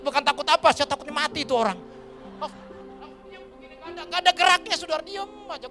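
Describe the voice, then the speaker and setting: High-voiced pastor telling a lively sermon. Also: male voice, vocal fry. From Kalimantan, Indonesia. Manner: lively, colloquial, keeps addressing the congregation. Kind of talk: storytelling sermon. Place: church.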